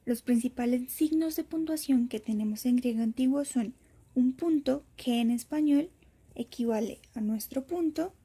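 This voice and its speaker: A woman teacher reading a scripted lesson, explaining each point slowly and carefully. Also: sits high, mellow, breathy edge. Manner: slow, careful explanatory delivery.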